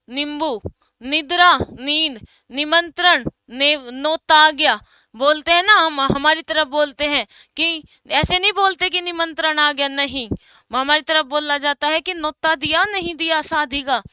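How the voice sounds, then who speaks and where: A young woman with a high voice teaches an exam coaching lesson. She reads word pairs out one by one and leans hard on the items that matter most. She speaks slowly and evenly. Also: sharp tone, dry recording. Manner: drills word pairs, stresses key items.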